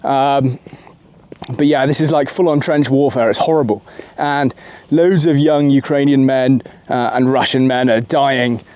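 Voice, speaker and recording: A man's voice: mid-range voice, fairly even intonation, measured pace, darkish tone. A man giving a rambling, casual political opinion monologue from his car, full of fillers and asides. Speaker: political commentary vlogger.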